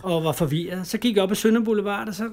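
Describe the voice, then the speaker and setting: An interview guest from Denmark, middle-aged, whose voice sits high with a darkish tone. Telling his own story in conversation, he stumbles and repeats words, tacking tag questions onto the ends of lines.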